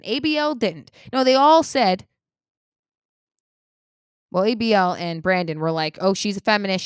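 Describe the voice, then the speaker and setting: A woman giving a heated political opinion monologue, indignant, swinging between loud outbursts and low muttering. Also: clear, resonant tone, no echo, studio quality. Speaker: political commentator.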